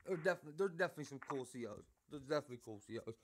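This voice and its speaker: A man's voice: a little high, lively intonation, racing, a little hiss or hum. A man hosting a casual phone chat, speaking in a slangy, repetitive way and often saying "bro". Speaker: host taking a call from an inmate.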